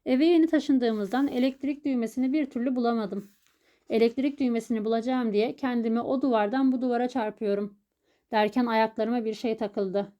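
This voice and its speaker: A woman narrating a story as an audiobook reader, telling it in a steady, even way. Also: fairly high pitch, brisk, lo-fi sound.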